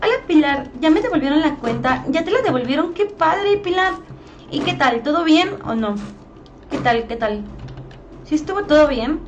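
A woman's voice: high voice, animated, moderate pace, lo-fi sound, over music. A young woman with a Mexican Spanish accent streaming a game, chatty and playful as she greets viewers by name. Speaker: gaming streamer. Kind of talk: live-stream commentary, greeting chat.

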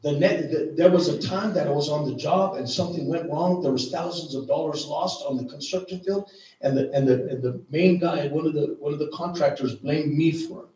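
A man preaching a sermon, telling a personal story in a loose, conversational way full of "man" and "you know", sometimes shouting. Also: fairly high pitch, brisk. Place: church hall. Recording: echoey church hall, distant mic.

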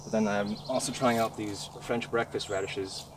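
A young man, a first-year farmer, talking casually in his backyard garden while being interviewed, pausing often with fillers as he thinks. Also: on the low side, noisy background. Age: young adult. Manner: relaxed, thinking aloud with many fillers. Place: backyard vegetable garden outdoors.

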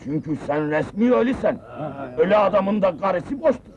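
Blustering village chief, high lively voice, dull lo-fi track. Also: male voice, normal speed. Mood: indignant. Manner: blustering, shouts insults. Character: pompous vengeful village chief, man. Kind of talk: 1980s film acting. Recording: dull lo-fi film soundtrack.

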